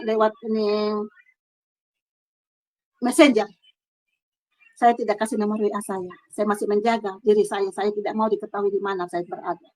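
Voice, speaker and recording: High-voiced woman giving a fervent testimony. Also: no room sound, low-quality recording. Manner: fervent, with frequent restarts and repetitions. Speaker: convert giving a personal faith testimony. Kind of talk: emotional spoken testimony. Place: her own bedroom.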